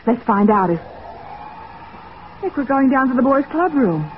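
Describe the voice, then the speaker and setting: An actress playing an eager, anxious American detective's assistant in an old-time radio drama, questioning and easily alarmed. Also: female voice, sits high, big pitch swings, a little slow, slight background noise. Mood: eager, amazed. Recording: tinny, narrow-band old radio recording.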